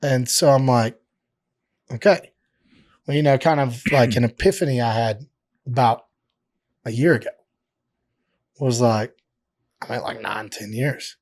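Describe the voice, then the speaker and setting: A professional fighter tells stories as a guest on a casual podcast, rambling and swearing freely, with a steady stream of filler words. His voice sits at an ordinary male pitch. The sound is close and dry, with no room in it. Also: moderate pace, pauses often, no echo. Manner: profane, rambling storytelling, heavy filler words. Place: podcast studio.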